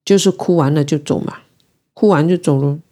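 A woman's voice: low voice, mellow. A woman from Guangzhou, reflectively telling her own love story. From Guangzhou, China. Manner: reflective, unhurried and emotional in recounting. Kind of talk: personal storytelling.

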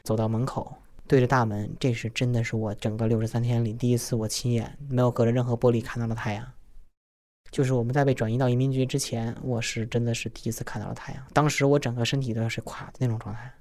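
A young Chinese man in his twenties tells his own story on a podcast, plainly and without polish, his voice disguised by a voice changer. He talks fast in a flat, slightly mellow mid-range voice.

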